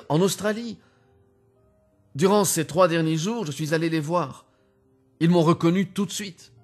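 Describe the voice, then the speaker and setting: A man voicing a husband who speaks calmly and quietly in a measured way, in a spoken story. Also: a little high. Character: calm, cold husband regaining his memory.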